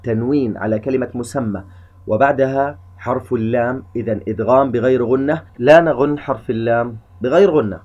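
A man teaching Quran recitation rules step by step, explaining each rule methodically before drawing out the examples slowly. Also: medium pitch. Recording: dull lo-fi recording.

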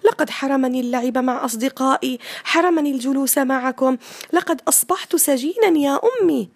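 Woman doing a whiny pleading little boy. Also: fairly quick. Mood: plaintive. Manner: high, plaintive and complaining. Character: young boy hooked on his computer, pleading.

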